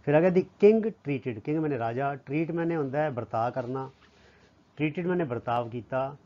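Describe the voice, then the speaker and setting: A male teacher with a Punjabi accent explains English grammar. He asks a question and answers it himself, and he reads the English sentences slowly before translating them. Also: medium pitch, animated. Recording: dull lo-fi audio.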